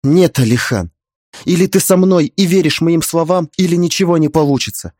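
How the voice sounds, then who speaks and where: In an audiobook, a high, strained voice plays a fierce young pregnant woman, pleading and insisting through tears, as a man puts her on. The delivery is sharp-edged against a dry, close sound. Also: expressive, normal speed, no echo. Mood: tearful insistent. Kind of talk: audiobook character reading.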